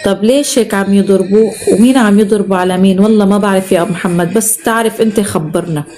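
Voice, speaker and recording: Fast-talking affectionate Syrian woman. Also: medium pitch, dark tone, slight background noise. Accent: Syrian Arabic. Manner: affectionate, showers viewers with endearments. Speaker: live-stream host. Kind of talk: casual chat reading viewer comments.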